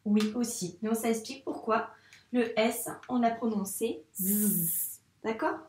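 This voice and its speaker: A woman's voice: a little high, darkish tone, reverberant, distant mic. A woman teaching young children to read, speaking patiently and sounding out letters with care. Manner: patient, slow, over-articulated sounds for children. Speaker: primary school teacher. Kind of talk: reading lesson for young children.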